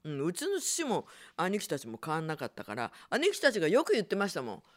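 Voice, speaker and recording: A middle-aged woman hosts a late-night radio show, chatting with listeners in a low, relaxed natural voice. Her pitch sits fairly low but swings widely, so she sounds animated and self-deprecating, laughing easily. A slight colours her speech. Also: quick pace. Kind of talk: casual late-night radio chat reading listener letters.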